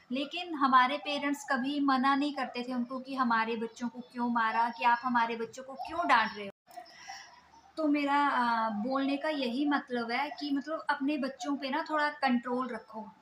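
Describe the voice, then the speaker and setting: A woman's voice: sits high, bright, forceful tone, a little hiss or hum. A woman in her thirties from Himachal Pradesh with a Himachali Hindi accent, talking earnestly to camera in a home vlog and lecturing with many fillers. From Himachal Pradesh, India. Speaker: vlogger. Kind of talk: casual talk to camera. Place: home room, indoors, children asleep nearby. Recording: roomy echoey home recording.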